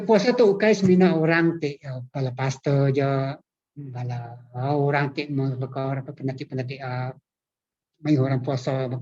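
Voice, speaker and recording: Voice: mid-range voice, a little mellow, husky, dull audio. A pastor, teaching a Bible class over a call, repeating key phrases and checking that listeners follow.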